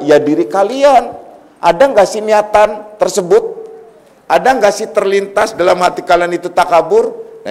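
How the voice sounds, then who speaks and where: A middle-aged man giving a conversational religious lecture as a spiritual teacher, relaxed and joking, telling personal anecdotes. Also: on the high side. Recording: long reverb of a hall.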